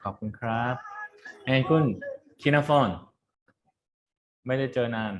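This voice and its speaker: A man's voice: medium pitch, very fast. A man with a Thai accent leading an online training session, chatting informally and switching between Thai and English.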